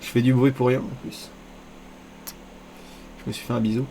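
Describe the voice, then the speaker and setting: A man giving live commentary on his own online poker game, talking to himself and the other players in crude casual slang and often breaking into high-pitched squeals. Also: level tone, moderate pace, background noise.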